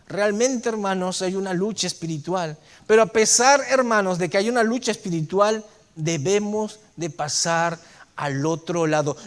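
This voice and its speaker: High-voiced preacher man, fervent. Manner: fervent preaching, swinging from loud emphatic phrases to soft low endings; repeatedly addresses the congregation as brethren. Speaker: pastor. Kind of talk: sermon. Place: church sanctuary.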